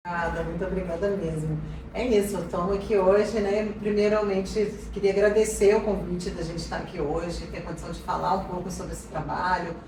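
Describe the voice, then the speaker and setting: A woman's voice: on the low side, fairly quick. Woman from Minas Gerais in an echoey room. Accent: Minas Gerais Portuguese. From Minas Gerais, Brazil. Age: 40s. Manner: lively, laughs, many restarts. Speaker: marine biologist guest. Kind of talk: casual interview talk. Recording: echoey room, distant mic, background noise.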